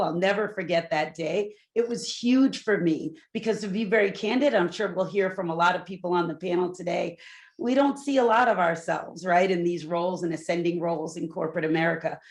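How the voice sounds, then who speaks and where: Speaking fairly quickly in a lowish voice, a middle-aged executive from Newport, Rhode Island shares her career story during a panel talk. She's loud and frank, with occasional asides to the crowd.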